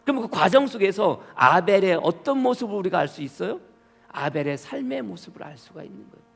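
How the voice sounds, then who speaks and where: Korean pastor preaching with a high, gravelly voice. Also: male voice, fairly quick, in a large hall, soft background music. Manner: animated preaching, asks the congregation questions and answers them himself; acts out God's words in quoted speech. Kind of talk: sermon. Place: church sanctuary.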